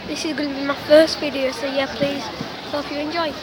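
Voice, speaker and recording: Holding a phone camera, a woman vlogs at an outdoor bonfire event with a big crowd, chattering excitedly, repeating exclamations and calling people mate. Her slightly croaky voice sits high and moves briskly, while crowd chatter and outdoor noise fill the phone audio.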